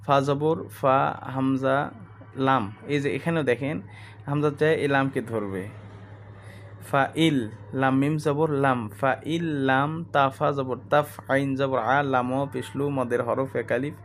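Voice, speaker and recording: A man teaching Quran recitation, naming each letter and vowel mark in a steady, patient, methodical lesson. His voice sits at an ordinary middle pitch. Faint background noise runs under the recording. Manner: slow drawn-out chanting when reciting whole verses; patient methodical explaining in Bengali. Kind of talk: spelling out Quranic Arabic letter by letter.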